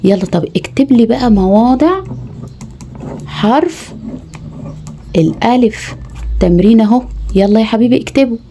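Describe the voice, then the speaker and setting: Woman, Egyptian Arabic accent, very mellow dark tone, patient early-reading lesson, letters spelled slowly. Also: a little high, lively intonation, slight background noise. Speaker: teacher guiding mothers. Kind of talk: home tutoring lesson.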